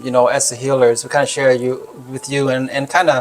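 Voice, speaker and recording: Cambodian-accented man, halting storyteller. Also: medium pitch, flat delivery. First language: Khmer. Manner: halting, many fillers and restarts. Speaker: healer and channel co-host. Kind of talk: casual personal storytelling.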